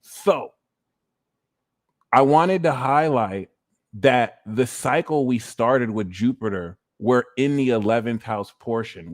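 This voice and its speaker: A man's voice: medium pitch, no room sound, clean studio sound. A man from New Jersey giving a casual, rambling astrology talk, prone to tangents and repeating his phrases. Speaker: astrologer and reader.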